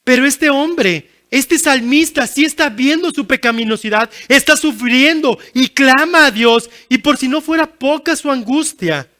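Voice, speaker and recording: A man's voice: very high voice, sharp tone. A man preaching a sermon as guest pastor, earnest and pleading, with repeated phrases and touches of self-deprecating humor. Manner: earnest, repetitive pleading cadence.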